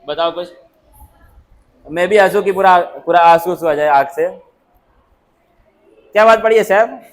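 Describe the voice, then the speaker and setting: Speaking a little slowly in a high-pitched voice, a man teaches a lecture built on rhetorical questions and call-and-response drilling. He's playful with the class, teasing students and naming them when he calls on them.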